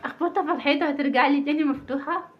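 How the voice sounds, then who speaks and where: Fast-talking Egyptian mom vlogging at home. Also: female voice, high voice. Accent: Egyptian Arabic. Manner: chatty, self-mocking, nervous laughter. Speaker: vlogger, mother. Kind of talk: casual home vlog. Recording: dull lo-fi home recording.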